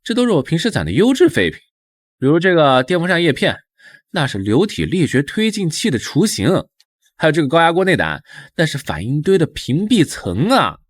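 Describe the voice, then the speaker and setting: A man's voice: fairly high pitch, huge pitch swings, brisk, dry recording, clean studio sound. A man voicing a laid-back young mechanic with a casual, unbothered manner, the lead of a motion comic. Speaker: lead character.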